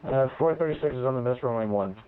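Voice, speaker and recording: Fast-talking pilot over the radio. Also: male voice, medium pitch, clean tone, phone-quality sound. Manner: clipped call signs with hesitant "uh" fillers. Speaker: airline pilot on a flight-sim network. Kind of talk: terse radio readbacks.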